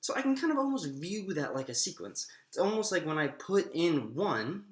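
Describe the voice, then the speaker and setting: This informal math lecture finds the man reasoning aloud through a derivation, his pitch bouncing about animatedly. Long pauses break up his halting phrases, and the room is spacious and echoing.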